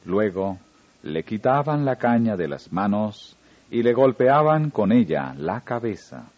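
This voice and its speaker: A man reading a religious story aloud in a slow, solemn narrating manner. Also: medium pitch, big pitch swings, darkish tone. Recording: dull lo-fi recording with faint music.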